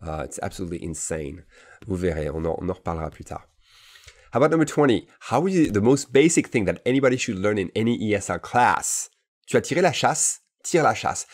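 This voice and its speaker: Deep-voiced male teacher, bilingual lesson, casual and repetitive delivery, checks in often. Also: big pitch swings. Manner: explains in French, models English phrases slowly and repeats them; casual asides with frequent "d'accord?" checks. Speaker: English teacher.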